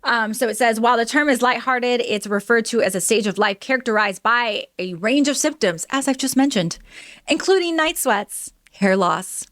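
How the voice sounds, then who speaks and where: A woman's voice: on the high side, normal speed, a bit bright, no room sound, studio quality. A woman in her early forties hosting a solo podcast, reading news items aloud and reacting to them in a candid, chatty way. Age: 40s. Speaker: host.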